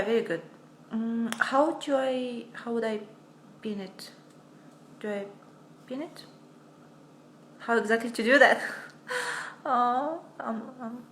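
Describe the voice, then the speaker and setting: Teaching English on a casual home livestream through her phone, a young American woman is chatty, hesitant, and self-deprecating, often laughing at herself. Her slightly high, fairly bright voice has lively intonation and a slow pace with frequent pauses, recorded with roomy echo and a faint hiss or hum.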